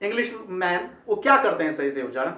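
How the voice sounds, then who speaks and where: Hindi-speaking man teaching pronunciation, high voice. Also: lively intonation, quick pace, bright, forceful tone. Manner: explains patiently, repeats words and checks understanding. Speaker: English teacher. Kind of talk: spoken pronunciation lesson. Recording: roomy, distant and muffled.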